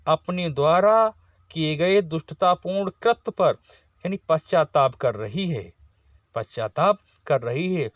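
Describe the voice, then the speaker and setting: Slow, measured male teacher. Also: high-pitched, no room sound. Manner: recites verse slowly then explains in plain words. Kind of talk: line-by-line poetry explanation lesson.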